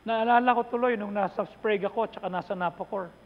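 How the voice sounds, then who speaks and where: Gravelly Filipino pastor in echoing hall. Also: male voice, high-pitched, quick pace. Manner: mixes Tagalog and English, chatty asides to the congregation. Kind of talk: conversational sermon. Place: church hall. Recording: dull reverberant church hall recording.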